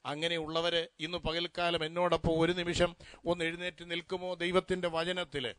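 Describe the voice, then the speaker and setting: Bright-voiced pastor preaching at a funeral. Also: male voice, a little high, completely flat delivery, fairly quick. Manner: preaching with rhetorical questions to mourners. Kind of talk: funeral sermon.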